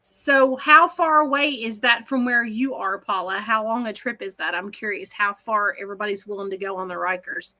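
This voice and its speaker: A woman co-hosting a casual live stream, chatty and quick to laugh, reading out viewers' messages. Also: medium pitch, sharp tone.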